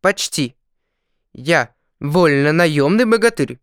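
A man's voice: a little high, lively intonation, slow, smooth, no echo, clean studio sound. A man doing a nervous, stammering peasant. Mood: earnest. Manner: earnest, flustered, stammering. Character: nervous, earnest peasant potter, father of many. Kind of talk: storybook reading.

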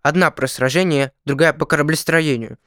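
A man's voice: on the high side, fairly quick, fairly bright tone, no room sound, clean studio sound. A man doing a nervous, stammering peasant. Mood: earnest. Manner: earnest, flustered, stammering. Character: nervous, earnest peasant potter, father of many. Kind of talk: storybook reading.

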